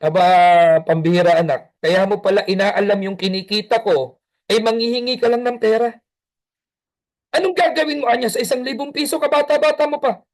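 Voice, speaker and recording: A man voicing a tired, busy businessman father who snaps at his child and then softens. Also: sits high, fairly even intonation, moderate pace, voice pushed up, natural voice. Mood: impatient. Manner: impatient, scolding, then soothing.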